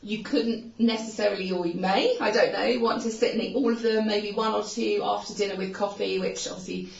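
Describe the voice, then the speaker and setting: A woman's voice: medium pitch, fairly even intonation, brisk, gravelly, darkish tone. Woman with filler-laden chat, distant and roomy. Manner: chatty, many "um" fillers. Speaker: co-host. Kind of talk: casual product review chat. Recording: roomy, dull sound from a distant mic.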